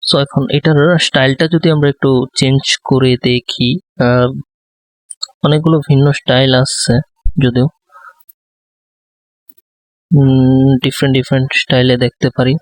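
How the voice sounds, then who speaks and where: Man, quiet tutorial talk, hesitant fillers, monotone, dry close mic. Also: mid-range voice, unhurried, pauses often, no echo. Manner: soft-spoken, thinking aloud with many fillers. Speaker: design tutor. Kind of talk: live screen-recorded tutorial. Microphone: close microphone.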